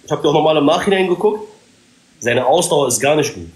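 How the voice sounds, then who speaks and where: A man speaks rapidly in a fairly high voice. He chats casually on a livestream, using slang. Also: expressive, echoey room. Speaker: fighter being advised.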